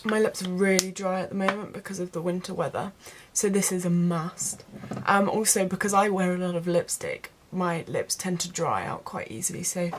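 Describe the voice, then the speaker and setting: In a casual makeup tutorial, a beauty vlogger walks her viewers through each step in a chatty, informal way. Her fairly low voice moves at a normal speed with hardly any pauses, and there is background noise.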